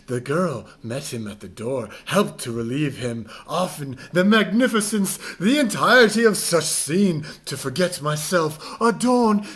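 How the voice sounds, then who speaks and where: Sitting high in pitch, a man's voice delivers a mock-dramatic reading. His overwrought, theatrical performance swings between hushed and loud.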